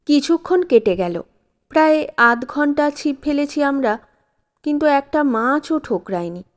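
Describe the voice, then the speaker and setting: A woman storyteller reads a classic short story aloud in a calm, measured way. Her voice sits a little high, and she takes each line at a slow, unhurried pace.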